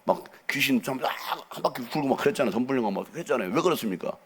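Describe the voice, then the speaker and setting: A middle-aged man preaching a lively, theatrical sermon to young people as a pastor. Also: medium pitch, racing, husky. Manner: animated, theatrical, acts out quotes and jumps around.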